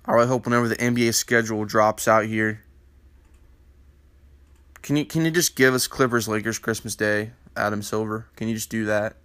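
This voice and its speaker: A man's voice: fairly low pitch, steady tone, normal speed, a bit bright, clean tone, dry recording. A man hosting a basketball news panel in casual commentary, with a congested morning voice from a sinus infection, rambling with many fillers. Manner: rambling, filler-heavy, opinionated.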